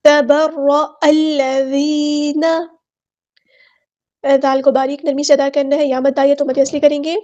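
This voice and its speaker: Woman tajweed teacher, high steady voice, goes slow, keeps repeating sounds to show how. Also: dull audio. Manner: slow, repeats single sounds and words as models. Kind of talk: tajweed lesson, explaining word by word.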